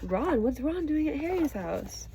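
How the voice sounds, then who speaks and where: A woman with a high, very animated voice speaks a little slowly as she narrates storybooks expressively, then chats casually with a child about them. She's an audiobook reader and show host, and background noise is audible.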